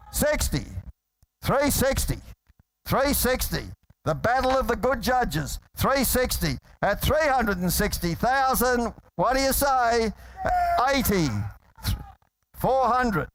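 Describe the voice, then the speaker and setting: A man's voice: extremely high pitch, no echo, low-quality recording. An Australian man working as a livestock auctioneer, calling bids in an urgent, repetitive chant and coaxing buyers. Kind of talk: rapid auction chant and sales patter at a horse sale.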